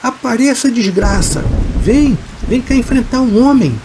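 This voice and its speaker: A man doing a drunk, loud, boastful horseman. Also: extremely high pitch, expressive, measured pace, noisy background, pitched above the performer's own voice, heavily acted. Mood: taunting. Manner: shouting, taunting threats.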